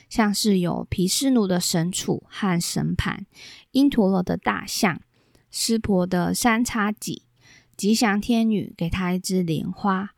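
A woman hosting a podcast, steadily retelling old myths in a measured storytelling way. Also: lowish voice, gravelly, darkish tone, no echo, studio quality. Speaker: podcast host.

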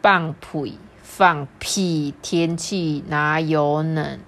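A grumbling dad who teases and scolds his son in a mock-stern voice, as a woman storyteller puts him on. He speaks slowly and deliberately. This is a voice from a read-aloud children's storybook. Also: low voice, fairly even intonation, fairly bright tone, exaggerated voice. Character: teasing, grumbling father of a young boy.

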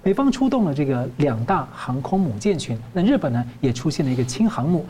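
A man, hosting a political talk show and putting questions to his guests, with drawn-out sentence particles. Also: a little high, very animated, dark tone, a little hiss or hum. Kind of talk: moderating a panel.

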